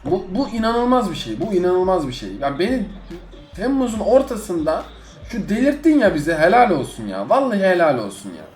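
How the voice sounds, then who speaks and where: A young man talks over his own football match, his voice swinging from sharp, high outbursts down to low, tired grumbling. His voice sits a bit high and moves a lot. The room sounds echoey, with faint game music running underneath. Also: sing-song, moderate pace. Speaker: gaming streamer. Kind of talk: live gameplay commentary.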